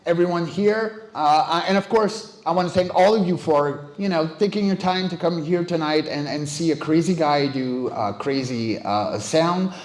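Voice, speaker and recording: This guest speaker, a man in his forties who does monster voices and coaches voice, gives a casual, self-deprecating, joke-filled talk to a live audience at an evening meetup. His fairly high voice moves at a moderate pace with hardly any pauses, and the indoor venue is roomy and echoing.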